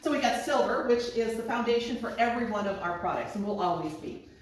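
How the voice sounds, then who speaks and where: A woman in her fifties, a distillery owner, telling her story in a lively, eager way while showing guests around. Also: fairly high pitch, fast talker. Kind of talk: casual chat. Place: small distillery room, indoors. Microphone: far camera. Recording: echoey room from far off.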